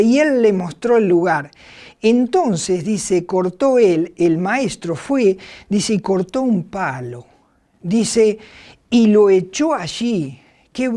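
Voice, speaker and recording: A woman's voice: medium pitch, warm tone. A middle-aged woman with an Argentine accent, preaching by retelling a Bible story, hesitant and full of fillers. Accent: Argentine Spanish. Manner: hesitant, many fillers and restarts.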